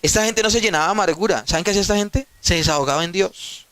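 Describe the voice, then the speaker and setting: A man's voice: high-pitched, very fast, sharp tone, dry recording. A male pastor preaching a sermon emphatically, putting rhetorical questions to his listeners and addressing them directly.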